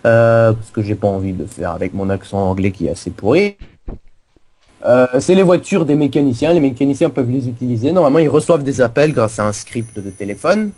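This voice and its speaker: A man's voice: medium pitch, brisk, dark tone, breathy edge. A man co-hosting a casual gameplay video, explaining a game server in a rambling, self-mocking way. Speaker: co-host giving a game server tour.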